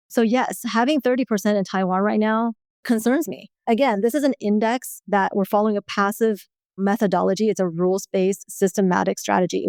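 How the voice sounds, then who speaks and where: A woman in her forties from China and the US talks through investment ideas in a fluent, explanatory way. Her voice is smooth and resonant, recorded dry and close on a podcast mic. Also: medium pitch, a little mellow, dry recording. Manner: fluent, explanatory, occasional laughs. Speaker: guest, index fund founder. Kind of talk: conversational interview answers.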